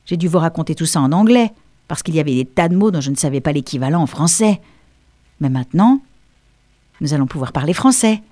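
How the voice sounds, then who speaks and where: A woman's voice: sits low, lively intonation, fairly quick, dark tone. A woman voicing a precocious, self-assured English schoolgirl who speaks in a prim, articulate way, in an audiobook reading.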